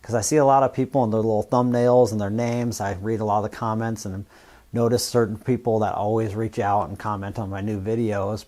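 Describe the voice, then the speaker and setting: A man from the US Northwest who hosts a fabrication channel, talking casually and plainly to camera in a relaxed, rambling way. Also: mid-range voice. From Washington State, US Northwest. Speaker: YouTube fabrication channel host.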